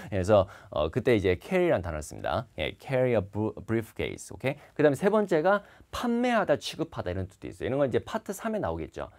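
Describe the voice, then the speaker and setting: A male instructor gives a lecture facing the camera, with a very lively, swooping pitch. He repeats key words and leans on them hard, drilling each one in. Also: normal speed, hardly any pauses. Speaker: TOEIC instructor.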